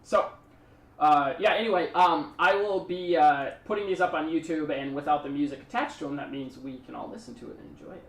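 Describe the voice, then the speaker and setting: A man's voice: on the high side, brisk, fairly bright tone, roomy sound, far from the mic. A man streaming a card game, talking through his plays in a rambling, chatty way and thanking subscribers. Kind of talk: casual live-stream commentary.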